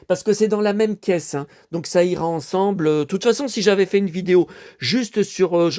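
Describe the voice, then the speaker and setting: A man's voice: high-pitched, darkish tone. A man in his fifties speaking as a collector and vlogger in a rambling, nostalgic monologue, hesitant and full of fillers, restarts and emotion. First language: French. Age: 50s.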